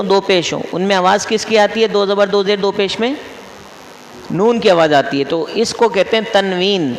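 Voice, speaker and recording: In a mosque hall full of long, echoing reverb, a mufti leads a classroom lesson on Quran recitation rules, repeating each one and questioning his students. His voice sits high and sounds gravelly, with a bit of background noise.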